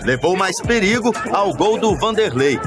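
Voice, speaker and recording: A Brazilian man reading scripted football highlights narration. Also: animated, normal speed, over music.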